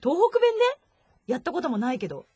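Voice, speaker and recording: A woman's voice: high voice, huge pitch swings, fast, mellow, husky, dry recording, dull audio. A woman co-host chatting casually, teasing and laughing often. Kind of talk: casual radio-show chat.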